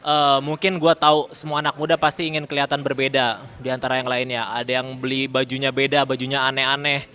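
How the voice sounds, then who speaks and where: A man's voice: mid-range voice, flat delivery, fast talker, hardly any pauses, noisy background. A man giving a laid-back closing message that ends in English.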